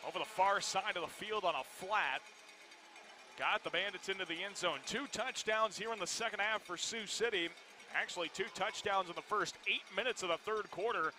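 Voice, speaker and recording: High-voiced male football play-by-play announcer. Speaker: radio play-by-play sports commentator. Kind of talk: live football play-by-play commentary. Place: broadcast position in an indoor arena.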